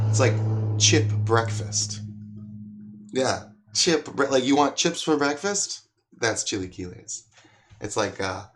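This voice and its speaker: A man's voice: medium pitch, a bit bright. A hungover man hosting a casual live cooking chat, rambling and talking to himself as he works. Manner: rambling, talks to himself while working. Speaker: cooking livestream host. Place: home kitchen. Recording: noisy room with clicks and clatter.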